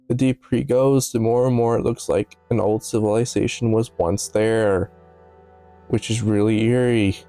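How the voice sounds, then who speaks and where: Speaking in a mellow, medium-pitched voice, a man gives relaxed, thoughtful commentary on a video, pondering out loud with slight stumbles and offhand remarks. Music plays in the background.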